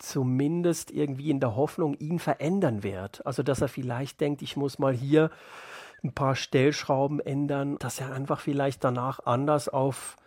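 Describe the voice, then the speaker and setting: In a reflective literary interview, the radio play writer explains his ideas carefully while hunting for his phrasing. He speaks at a normal pace in a steady, mid-range, darkish voice, with no echo.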